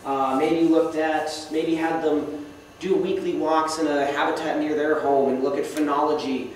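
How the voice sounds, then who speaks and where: With a high-leaning voice that barely moves in pitch, a young man talks at normal speed as a guest speaker. His casual slideshow presentation to a club in a meeting hall is self-deprecating and full of questions to the audience. The hall sounds echoey, with faint noise and the speaker far from the mic.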